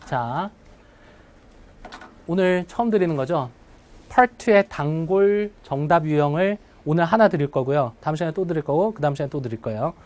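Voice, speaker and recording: A man's voice: on the high side, expressive, darkish tone. Male instructor lecturing to a class. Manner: checks in often with questions to the class; slows down sharply to model English phrases. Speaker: English test instructor. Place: classroom with live students.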